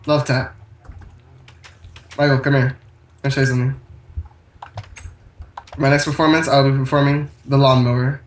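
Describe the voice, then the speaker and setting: A man's voice: medium pitch, level tone, normal speed, pauses often. Young male gamer, jokey and theatrical, distant roomy mic with faint hiss. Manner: joking, dramatic groaning. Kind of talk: casual gaming chat. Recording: echoey room mic from afar, faint hiss.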